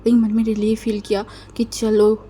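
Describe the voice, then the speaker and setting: A woman's voice: a little high, completely flat delivery, normal speed, warm tone, slight background noise. A woman narrating fan fiction in a casual, conversational way, with frequent restarts. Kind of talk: casual storytelling.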